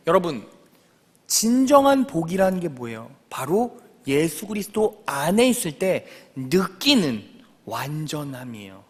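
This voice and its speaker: A young man preaching from the pulpit, his voice high and lively as it swings up and down. He tells a story and keeps asking the congregation questions. The sound rings on in a large church sanctuary. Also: long reverb tail. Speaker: pastor. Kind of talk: sermon.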